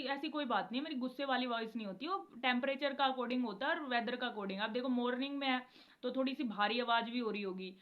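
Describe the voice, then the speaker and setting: A woman's voice: on the high side, highs cut off. A young woman giving a casual devotional talk to her viewers from a room, chatty and earnest, with lots of filler tags and English words mixed into her speech. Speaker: devotional vlogger. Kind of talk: casual spiritual talk to camera. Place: indoor room.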